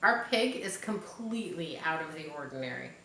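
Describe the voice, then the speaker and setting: A woman's voice: low-pitched, animated, moderate pace, sharp tone, exaggerated voice. A woman reading the part of an earnest, shaken farmer in a storybook, grave and hesitant. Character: earnest, awestruck farmer man, solemn and shaken. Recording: echoey room, faint background noise.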